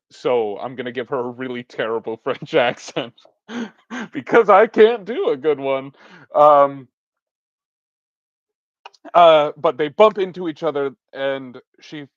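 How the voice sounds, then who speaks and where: A man's voice: fairly high pitch, dry recording. Man musing aloud through a solo tabletop game. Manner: musing aloud, self-deprecating. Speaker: game master. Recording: dull, dry recording.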